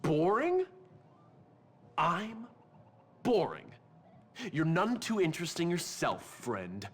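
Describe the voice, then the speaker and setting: An actor playing a manipulative teenage schoolboy bully in a video game, mocking and theatrically sarcastic. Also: male voice, on the high side, wildly swooping pitch, takes it slowly, husky, heavily acted.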